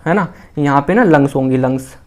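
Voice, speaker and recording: A man's voice: mid-range voice, a little fast, darkish tone. A man with an Indian accent giving a casual classroom-style physiology lecture, often repeating phrases and asking the listener questions. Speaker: physiology teacher.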